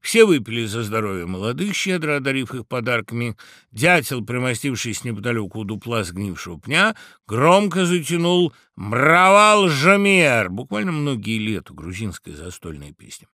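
Man reading a fairy tale, animated. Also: mid-range voice, normal speed, dry recording, studio quality. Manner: expressive, animated storytelling. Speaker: narrator.

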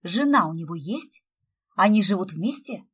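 An eager young woman journalist, as the reader puts her on, quick to lose patience. Her voice has a husky, breathy grain, as in a storybook read aloud. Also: mid-range voice, animated, fairly bright tone. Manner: eager, exasperated.

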